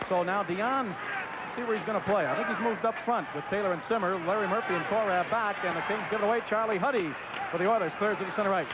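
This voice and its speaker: A man's voice: high-pitched, quick pace. A man giving live play-by-play commentary of an ice hockey game. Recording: muffled vintage broadcast, loud arena crowd noise. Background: noisy hockey arena crowd.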